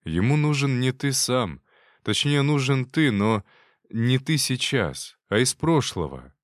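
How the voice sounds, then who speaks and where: A man voicing a frightened young male servant who confesses in a halting, hesitant way, read as an audiobook character. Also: medium pitch, sing-song, no room sound, clean studio sound. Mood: confessing.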